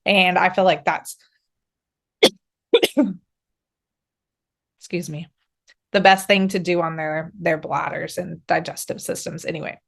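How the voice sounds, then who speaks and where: A middle-aged woman with a slightly low voice explains dog training to camera. She sounds practical and reassuring, with plenty of ums and false starts as she talks. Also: flat delivery, slow pace, creaky, long pauses. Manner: practical, reassuring, filler-heavy with frequent restarts. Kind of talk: instructional talk to camera.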